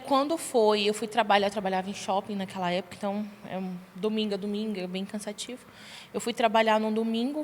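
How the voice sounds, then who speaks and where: Young woman telling a testimony, long reverb. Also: fairly high pitch. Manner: lively, acts out quoted dialogue. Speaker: podcast guest. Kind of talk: personal testimony storytelling. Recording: long reverb, faint background noise.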